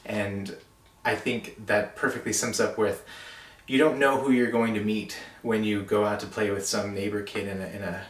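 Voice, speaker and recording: A young man giving a wedding toast as best man, speaking informally and haltingly with self-deprecating asides. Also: lowish voice, steady tone. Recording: roomy echo, distant microphone.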